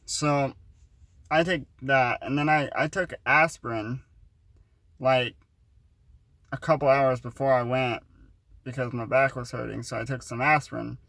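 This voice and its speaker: A man's voice: medium pitch, steady tone, unhurried, gravelly, pauses often, fairly bright tone, no echo. A man in his twenties talks casually to his vlog viewers, with a slight lisp that shows when he speeds up. He rambles, restarts and drops in fillers. The recording is dry and close, with no room sound. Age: 20s. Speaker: vlogger.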